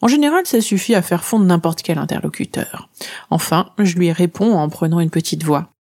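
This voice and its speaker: Brief: woman storyteller, husky and a bit low, lively first-person narration for kids. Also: moderate pace. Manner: lively, expressive reading.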